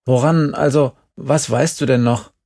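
A man reading the lines of a quiet, subdued teenage boy who speaks hesitantly. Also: mid-range voice, fairly even intonation, unhurried, creaky, no room sound, clean studio sound.

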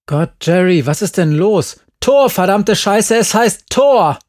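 A man voicing a tough, heartbroken young girl who curses and shouts in an audiobook reading. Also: a little high, unhurried, no echo, clean studio sound, pitched above the performer's own voice, natural voice. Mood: furious. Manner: shouting, cursing, tearful. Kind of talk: audiobook character voice.

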